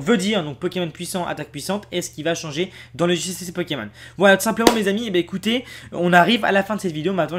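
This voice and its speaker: A man chatting to his viewers as a video host, animated and repeating himself as he rambles. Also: high-pitched. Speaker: YouTube card collector host. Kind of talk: casual chat to viewers.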